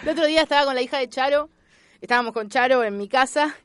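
High-voiced animated Argentine woman. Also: fast, clear, resonant tone, no room sound. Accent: Argentine Spanish. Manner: animated storytelling with acted-out quotes. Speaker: podcast guest. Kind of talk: casual chat.

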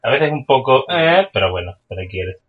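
A man with a Spain Spanish accent in casual chat, dropping in quick interjections and asides. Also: mid-range voice, very animated, slightly rough. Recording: dull lo-fi audio.

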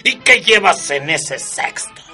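A man doing a low gruff wolf. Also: sing-song, takes it slowly, bright, forceful tone, faint music behind, heavily acted. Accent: Mexican Spanish. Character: sick gruff male wolf.

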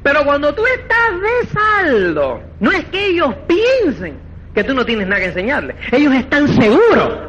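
A man giving a motivational network marketing seminar, animated and acting out quoted dialogue, repeatedly checking that listeners follow. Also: very high voice, moderate pace, low-quality recording. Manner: animated, acts out quoted dialogue, keeps asking "¿me entiendes?".

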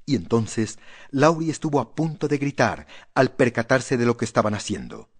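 Male audiobook narrator, measured and steady, mid-pitched horror reading.

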